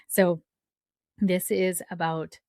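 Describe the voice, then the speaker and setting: A woman's voice: fairly low pitch, level tone, slow pace, darkish tone, dry recording, clean studio sound. A middle-aged woman giving a weekly astrology forecast in a chatty, reflective way, with personal asides. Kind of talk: casual spoken forecast.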